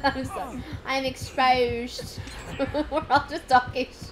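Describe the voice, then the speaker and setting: A young woman streaming a horror game with friends, swearing often, laughing a lot and shouting when excited. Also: high voice, takes it slowly. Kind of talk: casual gaming chat.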